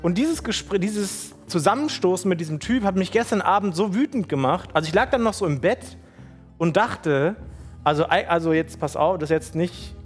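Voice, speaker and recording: High-voiced man telling a story. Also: normal speed, soft background music. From Germany. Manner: slangy and animated, acts out quotes. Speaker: streamer. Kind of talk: casual storytelling.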